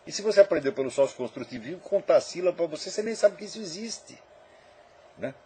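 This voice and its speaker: A Brazilian man lectures in a loose, rambling way, swearing freely and pressing hard on his points. His voice is very husky and sits a little high for a man, with pitch that swings widely from line to line. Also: lively intonation, fast talker, warm tone. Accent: Brazilian Portuguese. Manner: digressive, swears often, emphatic. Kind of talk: informal spoken lecture.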